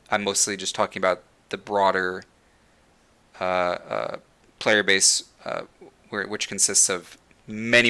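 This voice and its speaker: Rambling, bright-toned man with a tired voice. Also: fairly low pitch, smooth. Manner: rambling, frequent fillers and restarts. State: losing his voice. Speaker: podcast host. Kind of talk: casual gaming discussion.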